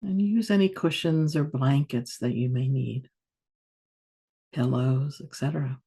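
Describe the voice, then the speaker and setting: A female meditation teacher leads a yoga nidra session, her delivery gentle, calming and unhurried, with long pauses. Her voice is extremely low, creaky and husky.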